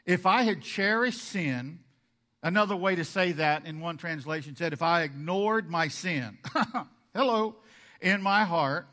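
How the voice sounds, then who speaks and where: Male pastor, high bright tone, lively sermon delivery with big loud-soft swings. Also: measured pace. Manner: animated, swings between loud emphasis and soft asides; acts out the congregation's objections.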